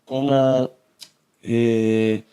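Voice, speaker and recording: A young Spanish man with a Spain Spanish accent, a football analyst chatting in an interview, halting with many restarts. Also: mid-range voice, little pitch movement, dark tone. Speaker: football analyst and coach, guest. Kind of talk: casual interview chat.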